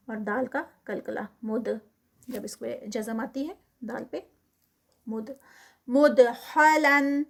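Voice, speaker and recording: A woman teaching Quran recitation. She chants each word slowly and louder, then explains each rule quietly and quickly. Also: on the high side, gravelly. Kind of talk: recitation lesson, Urdu with English terms.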